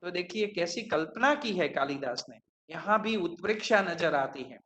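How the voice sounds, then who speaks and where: A male professor teaching a Sanskrit verse, quizzing his students and slowly repeating each word. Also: high voice, lively intonation, bright, forceful tone. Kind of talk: classroom lecture on Sanskrit verse.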